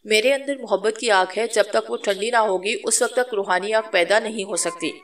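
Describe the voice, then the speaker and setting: A woman's voice: medium pitch, a bit bright, far from the mic, close to an everyday voice. A woman voicing a cheeky, lovesick young woman who teases and talks crudely. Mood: dreamy. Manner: teasing, crude, playful.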